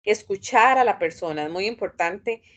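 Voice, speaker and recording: Profesora que explica pausada, con muchos "este". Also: female voice, medium pitch, expressive, lo-fi sound. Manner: thoughtful, many fillers and restarts. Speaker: teacher. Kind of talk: online class lecture.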